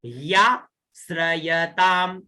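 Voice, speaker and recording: A man teaching Sanskrit verse recitation online, spelling out each syllable slowly and checking "है ना?" after each point. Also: fairly high pitch, bright, forceful tone. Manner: slow, syllable-by-syllable pronunciation drills, checks with "है ना?".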